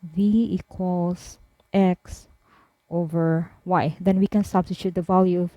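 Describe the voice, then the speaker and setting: Slow, dark-voiced woman math tutor. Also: on the low side, fairly even intonation, no room sound. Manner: slow, step-by-step explaining with frequent fillers. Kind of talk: screen-recorded math lesson.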